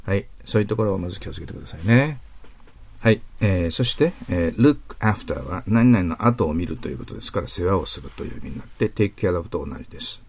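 A man teaching English idioms in a patient, explanatory lecture, reading the English examples slowly and carefully. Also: deep voice, a little mellow, slightly rough. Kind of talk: classroom grammar lecture.

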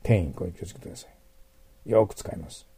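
A man's voice: low voice, quick pace, vocal fry, dark tone, slightly rough, no room sound. A man teaching English vocabulary in a patient lecture, explaining word roots and checking in with his students as he goes. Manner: patient, repeats words, checks in with "ne" and "hai".

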